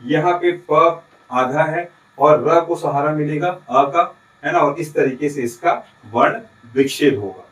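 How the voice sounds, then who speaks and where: A man's voice: a little high, measured pace, fairly bright tone, echoey room, poor audio. A man from Chhattisgarh teaching a lesson with a Chhattisgarhi Hindi accent. He explains step by step, asks questions and answers them himself, and keeps checking that his students follow. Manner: adds frequent checking tags. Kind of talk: recorded classroom lesson.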